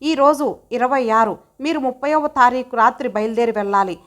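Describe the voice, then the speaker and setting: A woman's voice: a little high, normal speed, fairly bright tone, close to an everyday voice. A woman voicing a stern older husband and father-in-law who scolds in curt orders in an audio story. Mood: commanding.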